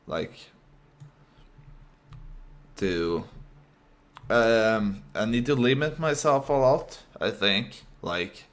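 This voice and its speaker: Speaking English as a second language, a vlogger with a deep voice and lively intonation rambles through an unscripted, casual monologue. He hesitates, uses fillers and restarts often.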